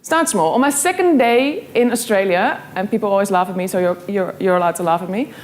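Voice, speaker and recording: A young Dutch woman with a mid-range voice gives an earnest motivational talk to an audience, telling stories and quoting her own thoughts in a Dutch accent. Her delivery is brisk, and a faint hiss or hum sits under the recording.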